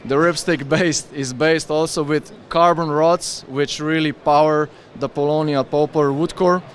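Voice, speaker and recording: Eager man pitching skis at a trade fair. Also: steady tone, measured pace, slight background noise. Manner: enthusiastic, explains with hand gestures. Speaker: ski brand representative. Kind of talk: trade fair product interview. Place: busy indoor trade fair hall. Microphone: handheld interviewer mic with windscreen.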